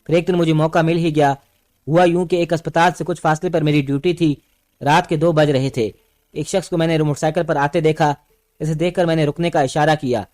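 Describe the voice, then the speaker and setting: A man narrating a first-person story with steady, dramatic storytelling. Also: a little high.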